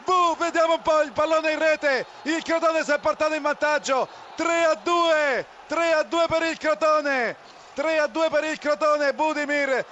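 A man commentates live football in a very high, excited voice. His goal calls are breathless and repetitive. The sound is dull and lo-fi, with clear noise around him. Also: unhurried.

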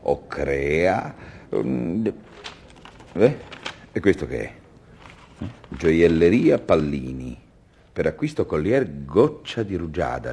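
A man playing an exasperated husband who stammers, fakes calm and breaks into high shouts. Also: slightly rough, full character voice. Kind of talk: comic radio sketch acting.

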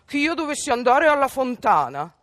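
A woman's voice: high-pitched, sing-song, moderate pace, background noise, pitched above the performer's own voice. A woman voicing a rude, haughty young girl who sneers and grumbles. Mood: grumbling.

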